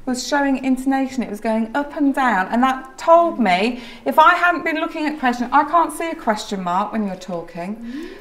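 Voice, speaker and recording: A woman's voice: high-pitched, lively intonation, normal speed, few pauses. A woman with an English accent teaching a primary school class, encouraging and asking her pupils simple guiding questions. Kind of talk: classroom teaching to young children.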